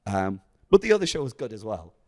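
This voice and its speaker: A young adult comedian from South Africa, chatting casually on a podcast and telling stories with frequent laughs. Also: male voice, lowish voice, brisk. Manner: storytelling, laughing often, animated. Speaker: comedian guest.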